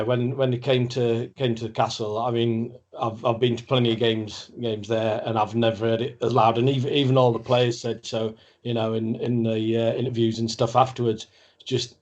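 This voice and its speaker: A man talking as a fan guest on a casual podcast, halting and repeating words as he thinks. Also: mid-range voice, a little mellow.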